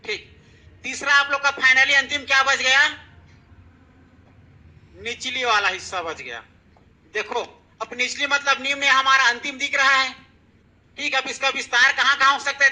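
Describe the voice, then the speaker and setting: High bright-voiced male teacher drilling students. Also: a little slow, pauses often, poor audio. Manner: repetitive, keeps asking students questions and checking with "theek hai". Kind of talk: exam-prep classroom lecture.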